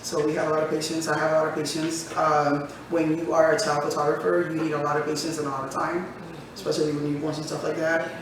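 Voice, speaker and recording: With a crowd audible behind her, the woman in her forties, an American podcast co-host, speaks quickly in a low voice with little pitch movement. She's chatty, jokes and laughs often, and is captured from a distance in an echoey space.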